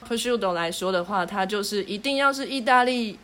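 Brief: middle-pitched woman host, casual and teasing. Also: a little fast, fairly bright tone. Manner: explanatory, playful, teasing co-host. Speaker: podcast host. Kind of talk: casual podcast chat.

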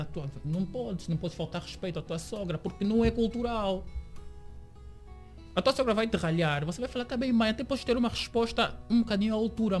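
Animated man telling his side. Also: high voice. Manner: animated storyteller, acts out quoted dialogue. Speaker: interview guest, series creator. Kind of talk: radio interview. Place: radio studio.

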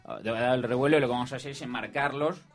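A man's voice: medium pitch, very fast, faint music behind, natural voice. A man with an Argentine accent playing a smug, effusive posh young rich man as a guest on a comedy radio show, rambling and raising his voice. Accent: Argentine Spanish. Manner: rambling, excitable, raises his voice.

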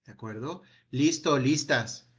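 A man leading a self-help workshop, asking a long run of gentle reflective questions that trail off with a quiet "no?". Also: medium pitch, a little slow. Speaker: workshop speaker.

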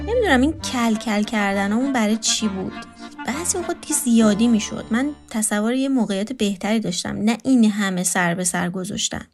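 Woman narrating a story with soft music. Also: mid-range voice. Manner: wry, conversational recounting. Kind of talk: first-person story narration.

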